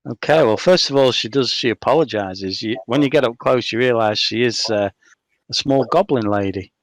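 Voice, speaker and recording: A man runs a tabletop game as game master, narrating in a relaxed way with frequent ums. His voice is mid-pitched and recorded dry and close. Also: normal speed, no room sound.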